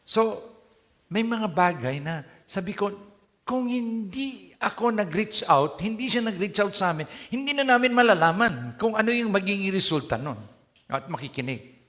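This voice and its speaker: Man, Filipino accent, conversational sermon, slightly raised pitch, echoing church hall. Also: expressive, moderate pace, fairly bright tone. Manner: switches between Tagalog and English, conversational, asks the congregation questions. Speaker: preacher. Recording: long church hall reverb.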